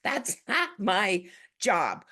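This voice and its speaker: A woman's voice: medium pitch, big pitch swings, drawn-out words, bright, forceful tone, slightly rough. A woman hosting a podcast in casual chat, rambling and chatty with frequent restarts. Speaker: podcast host.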